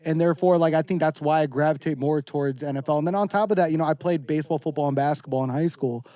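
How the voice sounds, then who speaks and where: Man, podcast guest, casual chat, animated, profane, fairly high voice. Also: fast talker. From former Navy serviceman. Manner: animated storyteller, profane, slips into mocking voices.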